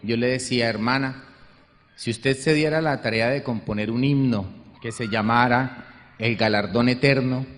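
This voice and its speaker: A man from the congregation giving an earnest, formal testimony, addressing the speaker again and again. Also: mid-range voice. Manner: earnest, repeats "hermana" often. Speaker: congregation member. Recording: long hall reverb.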